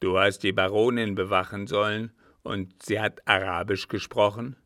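A man's voice: on the low side, steady tone, normal speed, dry recording, clean studio sound, close to an everyday voice. A man doing a snarling old captain. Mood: growling angry. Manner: barking, growling loud questions. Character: old furious male captain, a snarling bully. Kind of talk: audiobook character reading.

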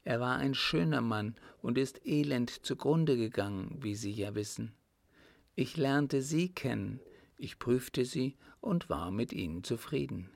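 A rich widowed countess, older and resolute, speaks softly and confidingly, voiced by a male audiobook reader who lifts his pitch. Her words come slowly, with a gravelly edge. The sound is close and dry. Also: lively intonation, no echo. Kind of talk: audiobook reading.

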